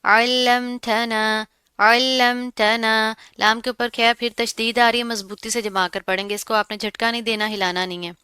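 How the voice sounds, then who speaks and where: A woman's voice: mid-range voice, fairly even intonation, fast talker, hardly any pauses, pushed and bright, clean tone, no echo. A woman teaching Quran recitation, who explains each sound patiently and asks and answers her own questions. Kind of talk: tajweed lesson, explaining and reciting.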